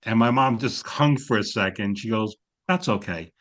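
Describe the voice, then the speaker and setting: During a class discussion over video call, a sixtysomething man with a faint New York accent shares wry stories about his family. He speaks at a moderate pace in a lowish, fairly bright voice with fairly even intonation.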